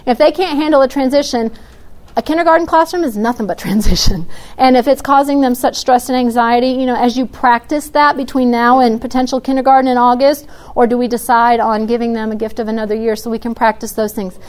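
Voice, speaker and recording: A woman talks parents through their questions, her voice sitting a little high. She explains step by step, practical and unhurried, with frequent fillers and restarts. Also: fairly even intonation, a little mellow, smooth. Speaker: early childhood educator answering parents. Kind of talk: Q&A talk to parents.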